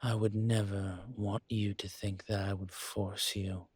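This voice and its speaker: In an intimate roleplay audio, a man voices a smooth, polite dragon mafia boss, his husky, breathy delivery carrying a gentle, teasing formality. His voice sits lowish, the tone stays level, and he speaks at a measured pace with no echo.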